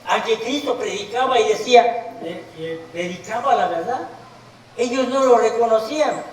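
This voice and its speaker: A man preaching a sermon with a high, emphatic voice, asking his listeners questions as he goes. He sounds far from the microphone. The room around him rings with echo. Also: normal speed, a little hiss or hum. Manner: emphatic, asks the congregation questions. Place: meeting room of a Bible study group. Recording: echoey room, voice from the mic.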